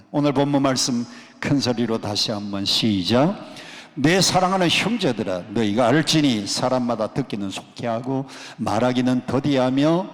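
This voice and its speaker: A male pastor preaching a sermon, leading the congregation in call-and-response. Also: medium pitch. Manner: call-and-response preaching, drawn-out emphatic lines. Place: church sanctuary at a prayer retreat. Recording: long church hall reverb.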